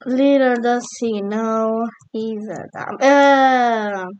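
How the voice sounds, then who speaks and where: A woman's voice: fairly high pitch, darkish tone, clean tone. A woman from the United States with an American accent, a native English speaker chatting casually and rambling in slang over a game. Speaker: video creator. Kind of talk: casual gaming chat. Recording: dull lo-fi microphone.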